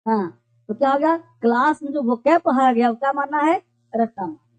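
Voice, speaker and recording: With a brisk, high-sitting voice, an English teacher runs a classroom-style lesson, repeating points and answering their own questions. The recording is dull and lo-fi.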